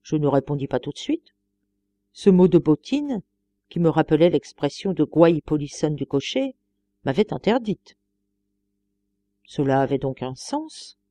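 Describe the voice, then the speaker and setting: A woman narrating a classic novel as an audiobook, telling it in an expressive first-person way. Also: low-pitched, normal speed, no room sound. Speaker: audiobook reader.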